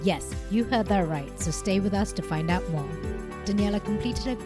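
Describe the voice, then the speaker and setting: A woman's voice: medium pitch, normal speed. A woman hosting a textiles podcast, reading her intro and interview questions with an enthusiastic, upbeat manner. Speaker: podcast host. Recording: music bed behind the voice.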